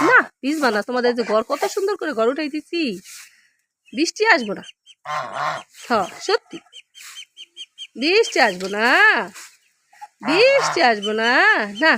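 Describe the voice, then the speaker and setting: A woman gently and repeatedly asking her hen what is wrong, outdoors in a farmyard. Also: high-pitched, a little hiss or hum. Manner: gentle, repetitive questioning. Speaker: poultry keeper. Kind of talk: coaxing talk to a hen. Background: clucking chickens.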